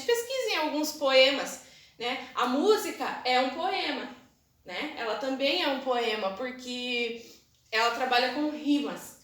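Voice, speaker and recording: A woman's voice: high voice, a bit bright. A Brazilian woman teaching a recorded video lesson to young children, explaining patiently and drawing out syllables, checking in with "tá?" and "né?". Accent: Brazilian Portuguese. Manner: patient, explains slowly, syllables drawn out, frequent "tá?" and "né?". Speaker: primary school teacher. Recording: very echoey room.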